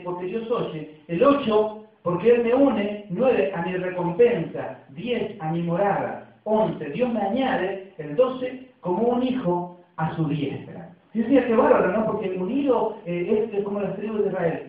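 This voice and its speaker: This Argentine pastor preaches at a measured pace, his high voice carrying a chatty quality and frequent tag questions aimed at his listeners. The recording is thin and phone-like, capturing him from a distance in a very echoey church.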